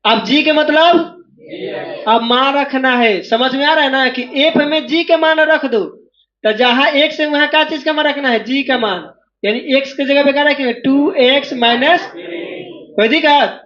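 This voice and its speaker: A maths teacher with a strikingly high-pitched voice runs his class, drilling students to call out each step aloud. He sounds like he is in a classroom. The recording is dull and lo-fi. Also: unhurried, bright, forceful tone. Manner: drills students, asking them again and again to answer aloud. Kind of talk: classroom lecture.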